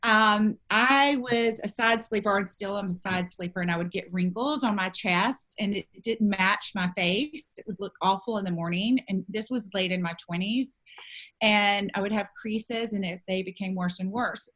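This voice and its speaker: A woman of forty-nine, telling her own story conversationally as an interview guest, animated and quoting her own thoughts. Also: medium pitch, normal speed. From southern United States. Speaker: beauty company founder, interview guest.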